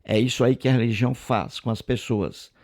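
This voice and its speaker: A man's voice: medium pitch, steady tone, fairly quick, darkish tone. A man from Brazil with a Brazilian Portuguese accent, commenting on viewer messages in a repetitive, emphatic lecturing way. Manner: repetitive, emphatic, lecturing, heavy use of fillers. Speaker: video commentator.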